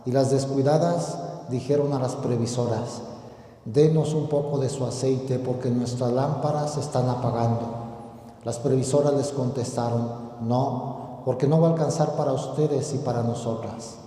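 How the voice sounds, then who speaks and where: Slow priest in a booming cathedral echo. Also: male voice, mellow. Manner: slow, measured liturgical delivery, partly chanted. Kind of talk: solemn Gospel reading and homily at Mass. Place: large church with cathedral echo.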